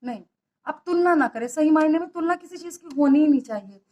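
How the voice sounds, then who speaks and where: High-voiced woman giving earnest relationship advice. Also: fast talker, darkish tone, lo-fi sound. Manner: earnest, questioning, repeats points. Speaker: motivational speaker. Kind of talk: motivational talk on marriage.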